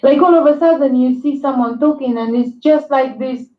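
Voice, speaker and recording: A woman talking haltingly on a video call over a bad connection, pausing often and restarting her words. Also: sits high. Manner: halting, hesitant, many fillers and restarts. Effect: bad video-call connection, tinny and echoey. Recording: tinny echoey video-call audio.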